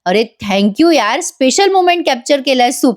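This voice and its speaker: A good-natured young husband teases his friend in a high, drawn-out voice, as a woman acts him out. He sounds easygoing and cheerful. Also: expressive. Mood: teasing.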